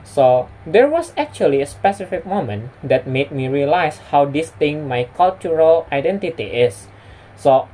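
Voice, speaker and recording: A man's voice: medium pitch, a little mellow, poor audio. Young Indonesian-accented man giving a presentation. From West Sumatra, Indonesia. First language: Indonesian and Minang. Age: young adult. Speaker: student presenter. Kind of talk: prepared personal presentation to camera.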